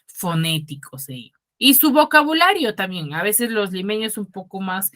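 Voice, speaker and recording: A Peruvian secondary school teacher from Huaraz, with that regional Spanish accent, gives an online class over a video call. Her mid-range voice is animated and a bit bright at normal speed, and she keeps checking in with students through tag questions and by calling on them by name.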